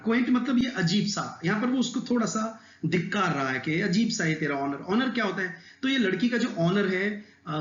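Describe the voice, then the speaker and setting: A man teaching English literature, explaining a poem in Hindi to students, mixing in English terms and reading lines of verse slowly. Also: high voice, reverberant, highs cut off. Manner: addresses students directly, explanatory.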